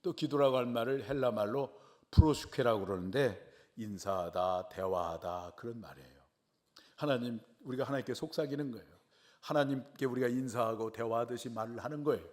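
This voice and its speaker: A middle-aged man, a pastor, preaching a sermon. He swells loud on key phrases, drops quiet after them, and asks the congregation rhetorical questions. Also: mid-range voice, fairly quick.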